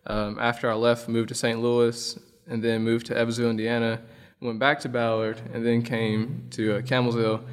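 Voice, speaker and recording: A young man from Illinois talks through his background in an easy, rambling manner, pausing on fillers as he goes. His voice is smooth and resonant. The recording carries a long reverb, as if it were made in a large hall. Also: mid-range voice. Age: young adult. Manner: relaxed, rambling storytelling with many fillers. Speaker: guest. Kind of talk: casual conversation.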